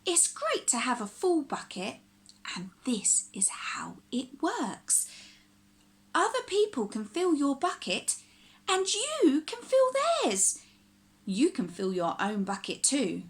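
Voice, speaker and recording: A woman with a high voice reads a children's picture book aloud like a primary teacher, using expressive, deliberate phrasing for young listeners.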